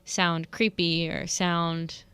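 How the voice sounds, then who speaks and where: Young woman co-host, lowish and smooth, casual and filler-heavy. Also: little pitch movement, drawn-out words, fairly bright tone, dry recording. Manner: loose, filler-heavy talk. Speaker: radio co-host. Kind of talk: casual radio chat.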